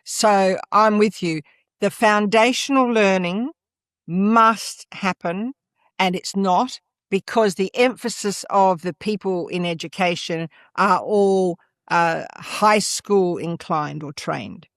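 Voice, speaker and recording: An older Australian woman, once a school principal, speaks emphatically as an interview guest, often leaning on "absolutely" and "et cetera." Her voice is medium in pitch and slow-paced, captured in a dry, clean studio recording.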